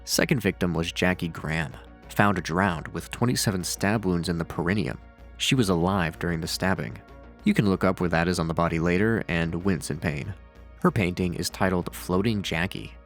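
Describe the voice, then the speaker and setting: A deep-voiced man at a moderate pace narrates scripted horror commentary as a video reviewer, dropping in casual, dryly sardonic asides. Faint music plays behind him.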